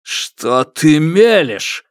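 A man voicing a drunk, desperate middle-aged father who talks in hoarse, breathless outbursts. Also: sits high, slow, dry recording, studio quality, pitched above the performer's own voice. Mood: frantic.

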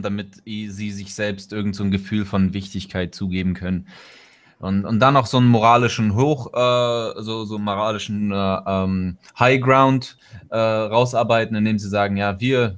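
A man's voice: fairly low pitch, normal speed, fairly bright tone. A man co-hosting a casual political chat show, talking sarcastically with many fillers. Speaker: podcast co-host.

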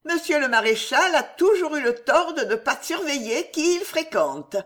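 A reader doing a scheming old queen mother in a storybook, her voice lifted high and loud over the court, sweet on top and poisonous underneath, pitch swinging freely as she presses her case. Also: very animated, measured pace, full character voice. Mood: sweetly venomous. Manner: honeyed yet venomous. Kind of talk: audiobook character voice.

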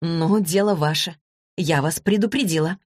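A woman reading a cool, measured woman agent. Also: lowish voice, a little mellow, no echo, clean studio sound, lightly acted.

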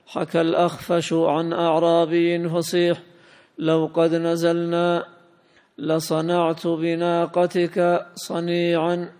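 A man reading a classical commentary aloud in a smooth, measured recitation for a lesson. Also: fairly high pitch, a little mellow. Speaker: student reading the text aloud. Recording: long hall reverb.

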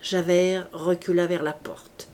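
A woman narrating an audiobook of a classic novel in a steady, dramatic storytelling voice. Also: lowish voice, slow pace.

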